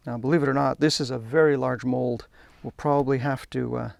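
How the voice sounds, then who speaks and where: A man's voice: mid-range voice, steady tone, fairly quick, vocal fry, a little mellow, no room sound. A man demonstrating a hands-on hobby technique, chatty and enthusiastic as he narrates while working. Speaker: hobby instructor. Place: workshop.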